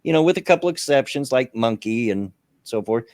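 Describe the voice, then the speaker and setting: Man, fifties, stream host, rambling chat, middle pitch, dry sound with no room. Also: lively intonation, fairly quick, darkish tone, no room sound. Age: 50s. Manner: rambling, reads chat messages aloud. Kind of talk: casual livestream chat. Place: home, on a laptop camera.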